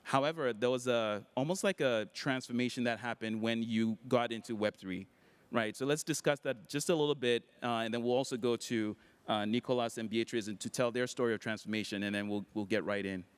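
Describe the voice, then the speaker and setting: A man's voice: medium pitch, fairly quick, smooth. Upbeat man moderating a panel. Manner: relaxed, upbeat, many fillers. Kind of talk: casual panel talk. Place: conference hall.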